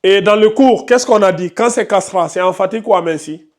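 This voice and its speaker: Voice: mid-range voice, brisk. A Quran recitation teacher leading a class, patiently questioning students by name and correcting their reading.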